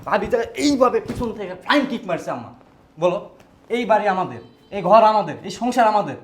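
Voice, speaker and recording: A man's voice: sits high, sing-song, quick pace. A man playing a studious young man who pleads and protests against his family. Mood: protesting.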